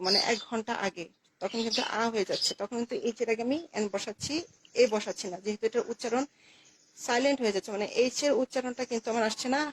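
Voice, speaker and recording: A woman's voice: a little high, rough recording. Patient woman teaching grammar. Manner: patient, repeats key words, asks and answers her own questions. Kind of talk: classroom lesson explaining articles.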